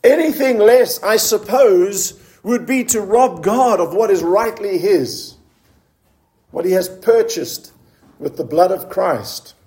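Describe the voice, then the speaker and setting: High-voiced male preacher. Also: animated, warm tone. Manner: slows down to read scripture in a low, solemn voice; asks the congregation questions and laughs lightly. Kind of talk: sermon.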